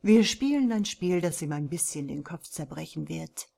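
A woman reading an audiobook, voicing a calm, self-assured young man who teases and coaxes. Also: low voice, normal speed, creaky, full character voice. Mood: calm teasing. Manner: calm, teasing, coaxing.

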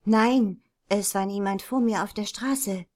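A woman's voice: mid-range voice, unhurried, a little mellow, close to an everyday voice. A woman reading aloud, voicing an anxious widowed mother in an old storybook, urgent and pleading. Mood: worried.

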